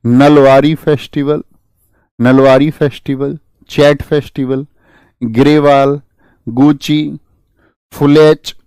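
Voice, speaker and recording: Energetic male coaching teacher, dry sound. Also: mid-range voice, clear, resonant tone, no echo. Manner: energetic, quizzes students with rhetorical questions; mixes English words into explanations. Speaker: exam-prep teacher. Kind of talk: exam coaching lesson.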